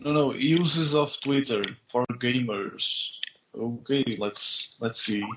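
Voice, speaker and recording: A man's voice: medium pitch, takes it slowly. A man on a call joining a casual gaming chat, hesitant and often restarting his sentences. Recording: dull lo-fi call line with clear noise.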